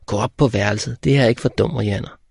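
A man's voice: on the low side, creaky, a little mellow, slightly rough, no echo, studio quality, heavily acted. A man reading an audiobook, voicing a teasing, bossy young girl in a raised voice. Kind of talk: audiobook character voice.

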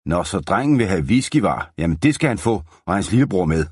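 A man voicing a rowdy saloon cowboy who taunts loudly. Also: fairly low pitch, animated, breathy edge, no room sound, pitched above the performer's own voice. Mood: jeering. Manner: loud, jeering. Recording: dry close studio sound.

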